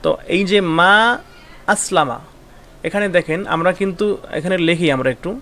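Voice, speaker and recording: A man's voice: high-pitched, moderate pace, fairly bright tone. A man with a slightly raised voice teaches Arabic grammar in an online class. He explains patiently, repeats each key term and asks rhetorical questions before answering them. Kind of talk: online lesson.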